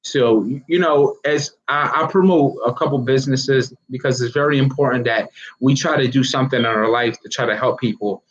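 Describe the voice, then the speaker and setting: A man's voice: medium pitch, normal speed. Rambling motivational man, lo-fi sound. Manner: rambling, repeats "you know what I mean"; animated, breaks into laughs. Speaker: online fitness marketer. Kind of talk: casual motivational monologue. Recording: dull lo-fi recording.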